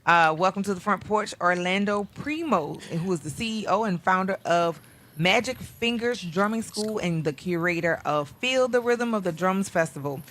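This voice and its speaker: A radio co-host welcoming and questioning a guest in a measured, friendly way. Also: medium pitch, a bit bright. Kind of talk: radio talk show.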